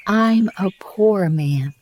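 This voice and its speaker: Woman as the trembling, wretched Hatter, higher-pitched. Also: drawn-out words, a little mellow. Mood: anxious, pleading. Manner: timid, pleading, rambling. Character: nervous, wretched poor man, a humble hatter. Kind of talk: storybook character voice.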